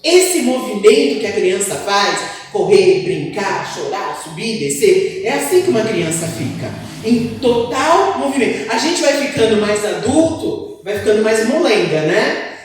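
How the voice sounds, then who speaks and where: A woman preacher giving an animated church sermon and calling on the congregation to answer her. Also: medium pitch, a little slow, slight background noise. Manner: animated, asks the congregation for replies. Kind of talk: church sermon with call-and-response. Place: church hall. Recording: echoey hall, distant mic.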